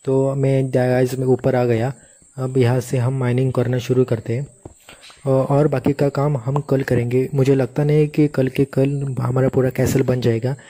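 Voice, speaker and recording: A young man chatting casually in commentary over his own building game, reacting loudly when mobs attack. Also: medium pitch. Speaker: gaming YouTuber.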